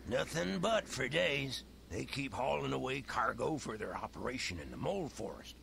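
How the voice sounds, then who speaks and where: A crazy old hermit miner from a video game, swinging widely in pitch with a gravelly, cracked voice. He talks in a folksy, rustic way over noticeable background noise. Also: very animated, normal speed, a bit bright, heavily acted. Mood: matter-of-fact, rustic. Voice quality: creaky, cracked old-man voice. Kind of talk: video game character acting.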